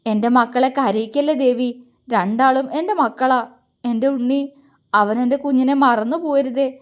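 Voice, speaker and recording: A woman's voice: sits high, moderate pace, natural voice. A woman voicing a devout, worried mother who speaks in an earnest, prayerful way.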